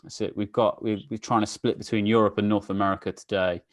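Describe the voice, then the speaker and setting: A man's voice: on the low side, flat delivery, quick pace, no room sound. A man hosting a live online meetup, chatty and full of fillers, greeting viewers by name over a video call. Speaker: webinar host. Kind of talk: casual live-stream chat.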